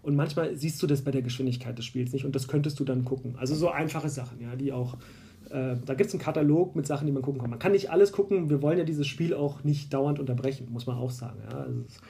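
A man's voice: medium pitch, fast, gravelly, dark tone, slight background noise. A man from Berlin, a basketball referee, explaining rules at length in a casual conversation, with many fillers and restarts.

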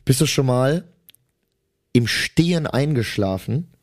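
A young man, co-hosting a casual podcast and telling stories with lots of fillers. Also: takes it slowly. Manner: animated storyteller, many fillers, rises in pitch when excited. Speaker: podcast co-host. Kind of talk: casual chat.

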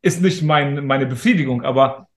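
A man's voice: medium pitch, moderate pace. Emphatic man in a roomy interview. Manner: emphatic, motivational, talks straight to listeners. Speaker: interview guest. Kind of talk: casual interview talk. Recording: roomy echo.

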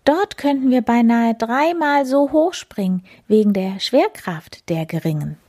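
Lady doing a happy little raccoon kid, bright-ish and bouncy, breathy. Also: on the high side, lively intonation, unhurried, pitched above the performer's own voice. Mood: cheerful. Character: small curious young male raccoon, cheerful.

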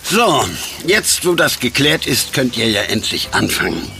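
An actor playing a strict, bossy man who guards his garden, with a gruff kindness underneath, in a children's audio drama. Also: medium pitch, sing-song, measured pace, pushed and bright, a little hiss or hum, exaggerated voice. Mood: stern. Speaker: stern garden owner neighbor.

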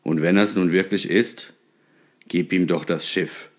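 A man voicing a plain-spoken middle-aged night watchman who talks calmly and practically. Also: deep voice, measured pace.

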